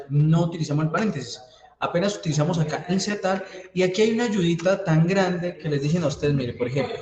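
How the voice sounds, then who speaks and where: A man teaching a university database class, walking students through code step by step and checking in with them often. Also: high voice. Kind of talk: live coding class lecture. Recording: echoey room, faint keyboard typing.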